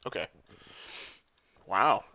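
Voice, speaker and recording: A man's voice: drawn-out words, crowd noise. A man playing a tabletop game, chatting casually and speaking in character, on a slightly dull microphone. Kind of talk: casual game chat and role-play.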